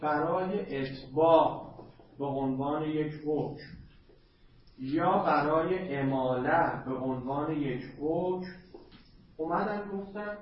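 A man teaching seminary students speaks in a slightly raised voice, slowly chanting quoted Arabic lines and then breaking into quick casual asides. The classroom recording is dull and muffled, with faint hiss underneath. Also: a little high. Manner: chants Arabic quotations slowly, then talks fast and conversationally. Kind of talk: classroom lecture on Arabic grammar.

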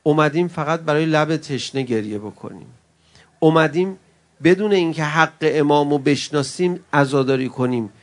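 A man preaching an emotional religious sermon at a mourning gathering. He swings between loud, impassioned cries and soft, intimate words to the crowd, and calls his listeners friends. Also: fairly high pitch.

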